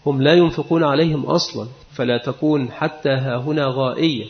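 A man teaching a religious lesson, explaining a text in a measured, explanatory way. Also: medium pitch, steady tone. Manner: measured, explanatory, recites quoted speech. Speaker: Islamic scholar teaching. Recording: echoey, dull lo-fi recording.

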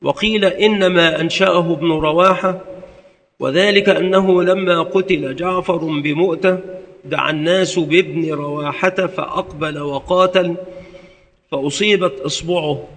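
Methodical male teacher, slightly high voice. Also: fairly even intonation, moderate pace, a bit bright. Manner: methodical, lists word forms one by one. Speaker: religious teacher. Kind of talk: scholarly lesson on hadith and grammar. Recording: long reverberant echo.

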